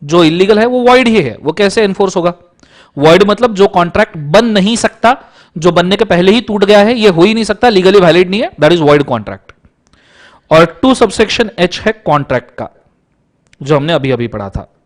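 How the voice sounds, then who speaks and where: A man's voice: high voice, lively intonation, normal speed. A man giving a classroom law lecture who teaches playful mnemonics, repeats them many times, mixes in English terms and keeps asking if everyone understands.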